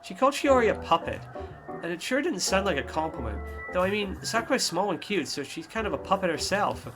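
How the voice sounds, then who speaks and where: A man's voice: high voice, very animated, brisk, music in the background, voice pushed up. A man voicing a chatty teenage schoolgirl assistant in a let's play, reading lines in a gossipy, mock-cutesy way.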